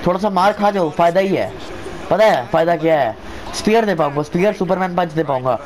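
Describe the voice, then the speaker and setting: A man giving excited, chatty play-by-play of a wrestling video game like an informal commentator, often repeating his phrases. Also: sits high, brisk, poor audio. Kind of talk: excited casual gameplay commentary.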